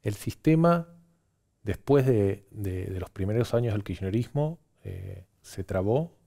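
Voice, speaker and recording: A man's voice: on the low side, animated, measured pace, gravelly, warm tone. A man with an Argentine accent, a pollster guest giving fluent political analysis on TV and listing his points one after another.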